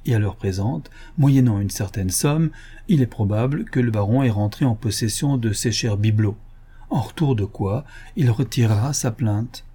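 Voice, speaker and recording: Un cambrioleur gentleman, raffiné et moqueur, lu par un homme, dans un livre audio. Il parle avec ironie et une assurance tranquille, d'une voix douce et un peu voilée. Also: lowish voice, moderate pace, slightly rough. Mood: amused. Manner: ironic, playful and self-assured. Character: suave, mocking male gentleman burglar.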